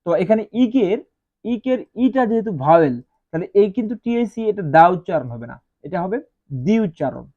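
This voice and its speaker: A man teaching English grammar as a lesson, speaking slowly and repeating each example. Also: high voice, lively intonation, warm tone. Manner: slow, repetitive, spells out each example. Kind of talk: explaining grammar rules to students. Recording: dull lo-fi sound.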